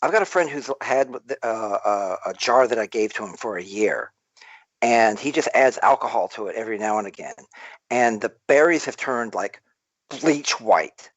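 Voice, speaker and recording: A man's voice: fairly low pitch, expressive, normal speed, no echo, lo-fi sound. A man with a Southern American accent, a tipsy guest rambling boisterously in a casual live-stream chat. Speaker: guest toy artist.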